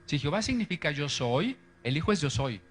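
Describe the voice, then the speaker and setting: A man's voice: a little high, sing-song, brisk, soft background music. A man lecturing on the history of Bible translations, explaining step by step and often checking in with his listeners.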